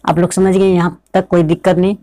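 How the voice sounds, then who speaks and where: A man's voice: sits high, flat delivery, a little fast, mellow, no echo. A man teaching English pronunciation in a classroom style, spelling out words, repeating them and checking with rhetorical questions.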